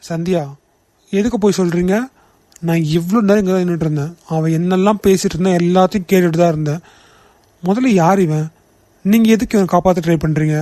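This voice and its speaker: A man's voice: sits high, steady tone, quick pace, dark tone, no echo, close to an everyday voice. A man voicing a young office boss in a cartoon, firm, indignant and lecturing. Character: young male office boss, protective and outspoken. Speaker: CEO. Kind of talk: cartoon voice acting.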